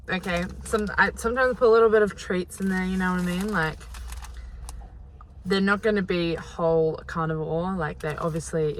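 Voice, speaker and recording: Young woman, Australian accent, slightly low pitch, casual rambling vlog chat, informal, phone recording in a car, light background noise. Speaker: vlogger. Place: inside a parked car. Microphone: phone camera. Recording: noisy phone camera audio.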